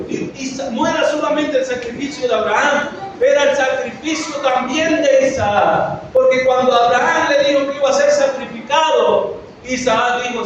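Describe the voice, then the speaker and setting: A man's voice: extremely high pitch, distant mic. A man preaching a sermon as a pastor, earnest and story-driven, drawing out his words for emphasis. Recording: echoey, dull, noisy from afar.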